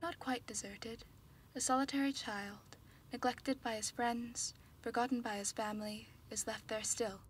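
An actress playing a serene, commanding female Christmas spirit in an audio drama, measured and solemn. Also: a little high, fairly even intonation, slight background noise, natural voice. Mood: gently solemn.

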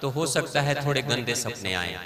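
A man giving a live spiritual discourse, telling homely stories in an animated way before an audience. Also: mid-range voice, moderate pace, a loud crowd. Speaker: spiritual preacher. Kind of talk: live religious discourse with storytelling. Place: large hall with audience. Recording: echoey hall with audience.

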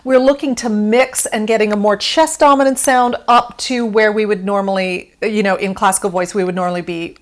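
A woman's voice: medium pitch, fairly even intonation, brisk, hardly any pauses. A woman guest on an interview, explaining singing technique in a conversational way, with frequent fillers and easy laughter. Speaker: vocal pedagogy specialist guest.

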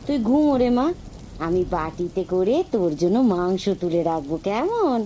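A woman's voice: lowish voice, sing-song, normal speed, mellow, slight background noise. A woman voicing a loving village mother in a cartoon, talking in a tender, fretful way. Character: loving village mother, devoted to her daughter.

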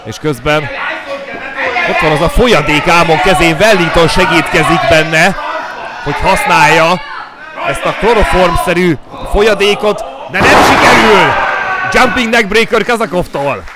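A man calling a live wrestling match, excitedly describing the moves as they happen. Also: sits high. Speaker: play-by-play commentator. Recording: commentary over loud crowd and ring noise. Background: loud crowd and ring slams.

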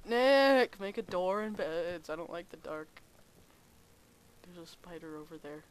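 A young man chatting casually while playing a game with a friend, excitable, giggly and rambling. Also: on the high side, moderate pace. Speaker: gaming channel co-host. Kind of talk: casual gameplay chat.

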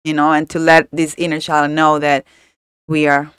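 A woman's voice: deep voice, completely flat delivery, normal speed, a bit bright, clear, resonant tone, dry recording, studio quality. A woman co-hosting a casual book club podcast, speaking earnestly and encouragingly, often checking in with "right?". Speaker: podcast co-host.

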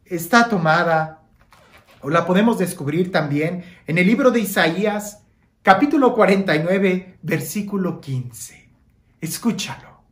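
A woman with a lowish, lively voice preaches a dramatic Lenten sermon at an unhurried pace in a roomy-sounding space. She drops to a near-whisper on key phrases, poses rhetorical questions to listeners, and leads them in a breathing prayer.

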